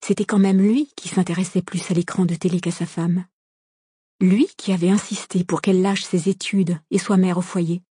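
A woman narrates a novel in a calm, measured audiobook read. Her voice sits low and mellow with a slightly husky grain. The close studio recording is completely dry. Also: dry recording. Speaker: audiobook reader. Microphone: close studio microphone.

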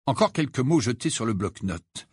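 Husky man reading a story aloud. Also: medium pitch, moderate pace, dry recording, clean studio sound. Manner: lively, expressive reading with occasional fillers. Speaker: reader.

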